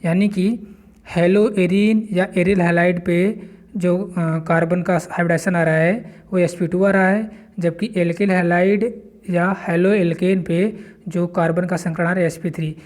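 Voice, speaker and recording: High-voiced man teaching chemistry. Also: fairly even intonation, darkish tone. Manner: explains step by step, reads textbook lines slowly, repeats terms. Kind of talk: whiteboard chemistry lesson.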